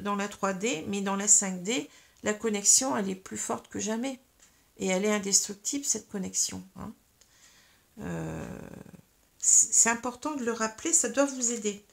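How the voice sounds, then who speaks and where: A woman's voice: on the high side, gravelly. A woman with a French accent reads tarot cards to her viewers, speaking hesitantly with many fillers while she has hiccups. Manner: hesitant, many fillers and tags like "hein" and "vous voyez". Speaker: tarot card reader. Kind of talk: spiritual tarot reading to viewers.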